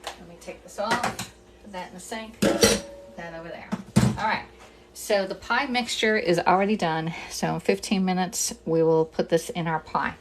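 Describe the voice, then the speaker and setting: A woman's voice: on the low side, fairly even intonation, moderate pace, background noise. A middle-aged woman from Pennsylvania casually demonstrating a recipe in her home kitchen on a live stream, talking through each step and greeting viewers. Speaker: cooking demonstrator and kitchenware consultant.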